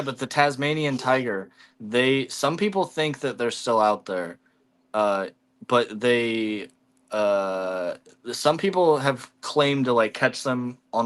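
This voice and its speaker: A man's voice: mid-range voice, fairly bright tone. A man hosting a casual livestream chat, telling rambling stories and swearing freely. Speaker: livestream host.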